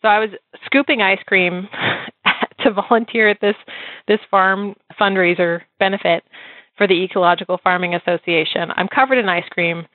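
A woman telling her story as an interview guest, animated and laughing often as she talks. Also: mid-range voice, moderate pace, dry recording. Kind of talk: casual storytelling. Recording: dry, phone-like lo-fi line.

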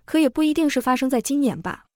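A woman's voice: sits high, animated, fast, dark tone, no echo, clean studio sound, voice pushed up. A woman voicing a loyal, doubtful young maid who questions hesitantly, in a story reading.

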